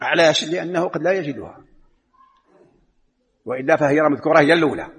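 A man with a Moroccan accent delivering a Friday sermon in a mosque, measured and emphatic, rising in pitch to stress points. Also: expressive. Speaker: preacher. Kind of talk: Friday sermon with religious rulings. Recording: long reverb of a large hall.

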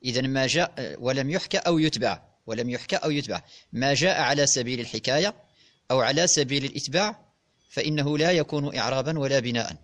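A man's voice: medium pitch, fast, a bit bright. A man teaching classical grammar, methodically explaining and repeating examples to his students. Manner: methodical, repeats and spells out examples, addresses listeners directly.

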